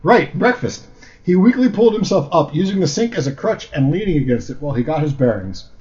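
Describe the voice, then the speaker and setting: A man co-hosting a comedy podcast, joking and rambling with plenty of fillers. His voice sits a little high and swings widely in pitch as he jokes and reads aloud. The recording sounds dull and lo-fi. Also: animated, brisk, a little mellow. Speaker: podcast co-host. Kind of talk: casual comedic chat and reading aloud.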